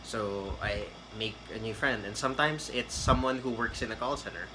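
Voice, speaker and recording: There's background noise as a man from the Philippines chats his way through a loose, rambling tutorial to camera on getting call center work, often using fillers and restarting. He speaks at a moderate pace with a fairly low pitch.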